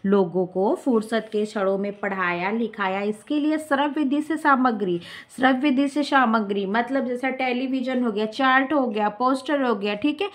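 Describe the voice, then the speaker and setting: A woman's voice: on the high side, moderate pace, few pauses. A young woman teacher lecturing on education. She reads through points, explains them with English terms and keeps asking rhetorical questions. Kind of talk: classroom lecture explaining notes.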